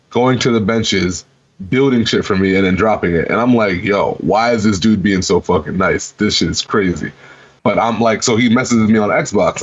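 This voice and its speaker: A man on a podcast telling a casual gaming story, swearing freely and acting out both sides of the conversation. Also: lowish voice. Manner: animated, profane, laughing storyteller acting out dialogue. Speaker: podcast co-host. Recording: dull lo-fi podcast audio.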